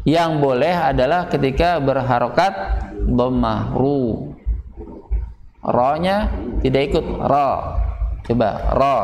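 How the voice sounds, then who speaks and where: A man's voice: mid-range voice, slow pace, pauses often, a little mellow, slight background noise. A man teaching Quranic recitation in a small prayer room, patiently drilling syllables and having students repeat after him. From Indonesia. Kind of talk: tajwid lesson with call-and-repeat drills. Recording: echoey room with long reverb.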